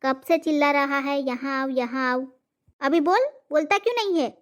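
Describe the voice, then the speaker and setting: A woman voicing a fierce old cartoon mother who scolds without pause, sharp-tongued and loud with insults. The voice sits high for an old woman. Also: lightly acted. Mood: irritated scolding. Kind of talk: cartoon comedy voice acting.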